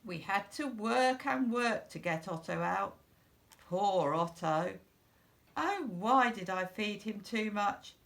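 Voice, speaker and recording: A woman reading a children's story aloud in a deliberate, expressive narrating style. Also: medium pitch, creaky. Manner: deliberate, expressive, with repeated phrases stressed. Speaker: storybook reader.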